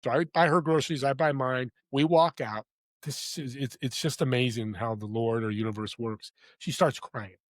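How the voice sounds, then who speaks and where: A man, a podcast guest who also hosts a podcast, telling motivational stories in an animated, heartfelt way that drops from loud emphasis to hushed quiet. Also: medium pitch, moderate pace, no room sound, clean studio sound. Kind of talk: earnest motivational storytelling.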